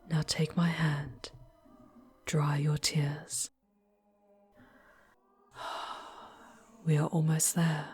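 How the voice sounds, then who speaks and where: Gentle and reassuring, a woman with a deep voice whispers breathily as a charming, tender yet sorrowful female demon guide in an ASMR roleplay. She delivers halting, dramatic lines with long pauses, over slight background noise.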